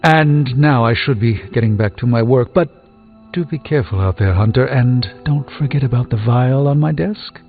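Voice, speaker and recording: A male actor voices a wry, erudite wizard doctor in a video game. His pitch sits mid-range for a man, and his delivery is formal, articulate and a touch self-important. The sound is thin and band-limited, with soft music underneath. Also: normal speed, phone-quality sound, lightly acted. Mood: kindly composed. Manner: articulate, formal, dryly witty. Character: erudite, wry male sorcerer doctor, composed and a little pompous. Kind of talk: scripted video game character dialogue.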